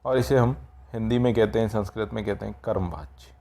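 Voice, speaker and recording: A man's voice: fairly low pitch, fairly quick, creaky, mellow. A man teaching a grammar lesson, explaining patiently step by step and checking in with his students often. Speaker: Sanskrit teacher.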